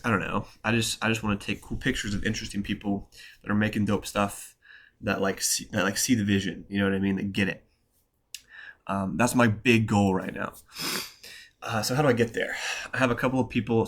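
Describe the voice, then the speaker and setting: A man's voice: lowish voice, level tone, brisk. A young man talking in a loose, rambling vlog style, full of fillers and slang, his voice nasal from a cold. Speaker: photographer vlogger.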